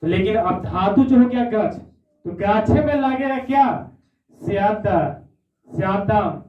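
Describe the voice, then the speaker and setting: A male teacher, speaking in a fairly high voice. He repeats his points and checks in with his students as he goes. The sound is thin and phone-like, picked up from a distance in an echoey room. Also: a little slow. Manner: repetitive, checks in with "है ना?". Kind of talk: classroom lesson. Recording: echoey, far-off, phone-like audio.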